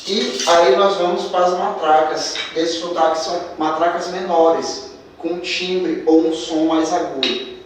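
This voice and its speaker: With a voice on the high side, steady in tone and measured in pace, a percussion workshop teacher from Maranhão, Brazil counts the beats as he demonstrates drums. This is an instructional demonstration with slight background noise. The mic is far off in an echoey room, and percussion instruments play around him.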